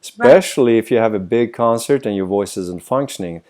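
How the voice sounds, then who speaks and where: Fairly quick and warm, with a mid-range pitch, this middle-aged Swede is a voice coach being interviewed over video. He answers thoughtfully and throws in many rhetorical questions.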